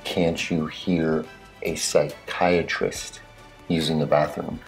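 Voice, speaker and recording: A man's voice: a bass voice, flat delivery, slow pace, faint music behind. A man in his thirties or forties telling dad jokes in a casual chat, setting up each one before the punchline. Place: small indoor room, seated at table.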